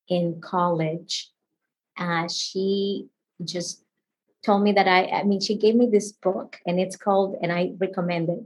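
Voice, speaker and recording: A chatty woman from the Dominican Republic, whose first language is Spanish, answers questions casually as an author guest in an interview. Her voice is fairly low in pitch, the audio is poor, and she's expressive, laughing often.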